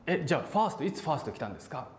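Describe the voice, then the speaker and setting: A man preaching a sermon, animated, acting out voices and calling out for emphasis. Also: a little high, rapid-fire. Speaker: pastor. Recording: echoey hall.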